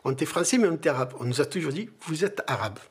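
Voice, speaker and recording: An older man giving an earnest interview testimony, halting at times and repeating words. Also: a little high, expressive, husky.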